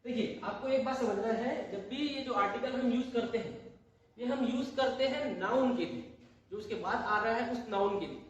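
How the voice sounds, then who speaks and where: A high-voiced man teaches a grammar lesson, asking questions of the class and repeating each point. He is heard from across an echoing room, with faint noise behind him. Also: normal speed, muffled recording. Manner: repeats and asks rhetorical questions. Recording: echoey room, voice from far off.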